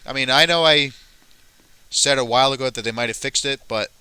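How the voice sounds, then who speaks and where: A man's voice: mid-range voice, fairly quick. A man giving easygoing, rambling commentary on a train game. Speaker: gameplay commentator. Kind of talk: casual gameplay commentary. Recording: loud game noise behind.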